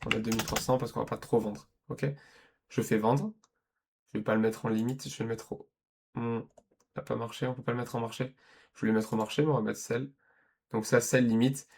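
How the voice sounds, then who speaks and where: Male trading teacher, mid pitch, chatty walkthrough with frequent check-ins. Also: steady tone, a little fast, vocal fry, long pauses, a little mellow, a little hiss or hum. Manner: conversational, checks in with "d'accord?" and "ok?"; thinks aloud with restarts and self-corrections. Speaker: trading educator. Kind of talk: screen-share trading lesson.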